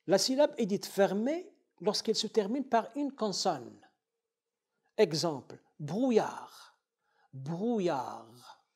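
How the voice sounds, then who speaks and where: A male university professor gives a lecture at an unhurried pace. His voice is slightly husky and his pitch moves lively from high to low. He goes through the material deliberately, breaking words into syllables and repeating each example.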